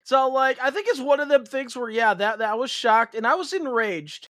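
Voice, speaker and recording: A podcast co-host with a notably high, slightly bright voice chats casually about wrestling at a moderate pace, with lively intonation. He rambles loosely, circling back with fillers and frequent restarts, recorded dry and close with no room sound.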